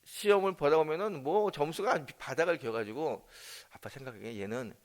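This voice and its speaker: A man's voice: a little high, moderate pace. A man preaching as a senior pastor at an early morning service. He tells a family story, acts out the dialogue and turns to the congregation with questions. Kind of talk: sermon with storytelling.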